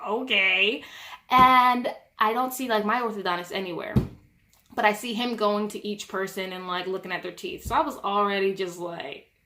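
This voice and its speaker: A young woman talks straight to the camera in a casual vlog, venting with open exasperation. Her voice sits in an ordinary middle pitch for a woman. She keeps dropping "like" into her sentences as she tells the story. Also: steady tone, moderate pace, bright, forceful tone, slight background noise. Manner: frustrated, exasperated retelling; heavy use of "like" as filler. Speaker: vlogger.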